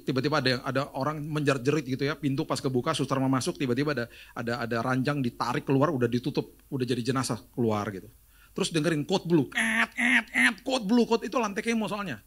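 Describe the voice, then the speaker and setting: A man's voice: fairly high pitch, quick pace. A middle-aged Indonesian man, a pastor giving a sermon, telling stories with acted-out dialogue and jokes. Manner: lively storytelling with quoted dialogue and jokes.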